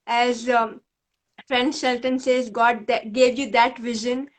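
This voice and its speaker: Woman host, high voice, hesitant and earnest interviewer on a video call. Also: flat delivery, takes it slowly, a little hiss or hum, low-quality recording. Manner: hesitant, many fillers, earnest. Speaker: livestream host. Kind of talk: interview questions.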